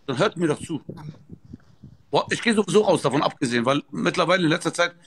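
A man's voice: fairly high pitch, animated, quick pace, fairly bright tone. A middle-aged man chatting casually as a guest on a livestream. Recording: clearly noisy livestream audio with clicks.

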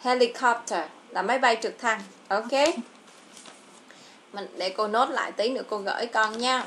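Over a video call with slight background noise, a woman with a Vietnamese accent tutors a child in English. Her voice is a little high and fairly bright at normal speed, and she patiently coaxes the child, repeating words for them.

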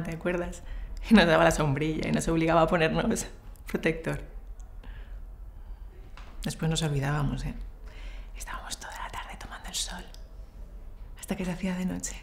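An actress from playing a middle-aged, grieving, sick woman who speaks with tragic sorrow, hushed, halting and fragile, in a film drama monologue. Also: low voice, steady tone, gravelly, a little hiss or hum. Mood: wistful, tender. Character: grieving sick woman reminiscing tenderly to her estranged sister. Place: indoor room, film set.

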